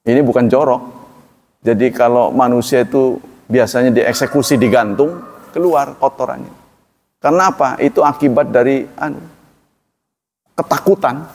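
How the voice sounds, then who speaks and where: A middle-aged Indonesian man giving a casual, digressive sermon on Quranic commentary, chuckling now and then and slowly chanting Arabic verses. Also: mid-range voice, gravelly, darkish tone, husky. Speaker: Islamic preacher. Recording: long hall reverb.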